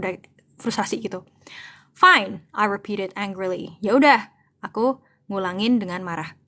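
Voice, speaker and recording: Here a woman with a mid-range, fairly bright voice works through an English novel, rendering it line by line in Indonesian. She is an online tutor for English-to-Indonesian, and she keeps things relaxed, musing aloud, groping for the right word, and blending both languages at will.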